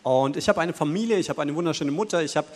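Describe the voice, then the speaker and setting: Fast and fairly high-pitched, this man is interpreting aloud into German in a church hall, turning the message over to the congregation one phrase at a time. Now and then he corrects himself; the recording has a long hall reverb.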